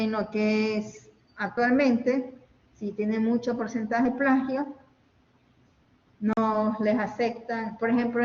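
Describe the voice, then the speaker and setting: Female lecturer, fairly high voice, patient step-by-step delivery; long hall echo, muffled lo-fi line. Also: darkish tone. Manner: explaining step by step, often checking with "¿ok?" and "¿no?". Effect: echoing, hall-like reverb. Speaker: university lecturer. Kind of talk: online class lecture. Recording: echoey, dull audio with faint hiss.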